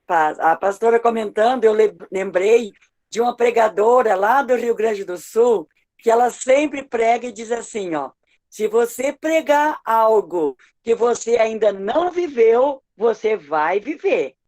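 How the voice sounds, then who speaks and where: A woman pastor with a slightly high voice reflects during a devotional group discussion. She hesitates and repeats words as she gathers her thoughts. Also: expressive, measured pace, darkish tone.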